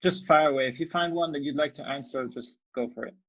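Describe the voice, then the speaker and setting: A man's voice: fairly high pitch, fast talker, fairly bright tone, rough recording. A man from Austria, hosting a casual video chat in an easygoing, agreeable way. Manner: easygoing, agreeable, many short yeahs. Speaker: host. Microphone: video call mic.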